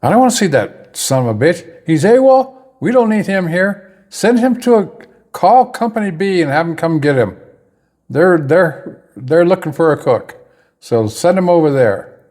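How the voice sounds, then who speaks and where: A man voicing an angry male army commander who shouts from behind a door, his voice pushed high and loud. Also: very animated, normal speed.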